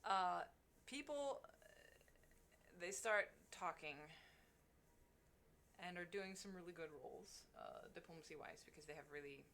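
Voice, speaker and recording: A young woman casually retelling a tabletop game as a player, in a halting, wry, sarcastic way. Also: lowish voice, a bit bright. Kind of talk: casual storytelling chat.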